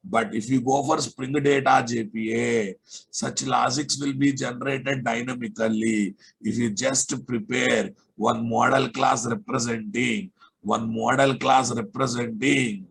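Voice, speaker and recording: A man teaching a live online software class, sternly repeating phrases and checking that students follow. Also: mid-range voice, vocal fry, breathy edge. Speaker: programming instructor.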